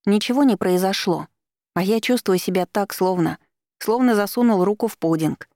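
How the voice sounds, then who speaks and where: A woman's voice: mid-range voice, normal speed, dark tone, no echo, clean studio sound, natural voice. A woman reading an audiobook, voicing an eager, earnest young boy prince.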